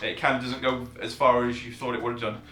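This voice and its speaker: A man narrating as dungeon master, relaxed and hesitant with many fillers. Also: medium pitch, fast, echoey room, a little hiss or hum. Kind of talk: narrating a tabletop game.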